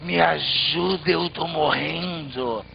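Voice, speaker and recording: A man voicing a dying tree that pleads slowly in a low, hoarse voice. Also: exaggerated voice. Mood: moaning plea. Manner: slow, low, drawn-out pleading. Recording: slightly muffled, faint background noise.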